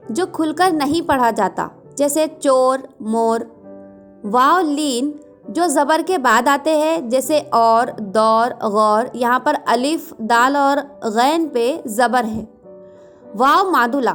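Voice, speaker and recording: A woman teaching an exam revision lesson. She names each term, then reads out its definition and examples. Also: high voice.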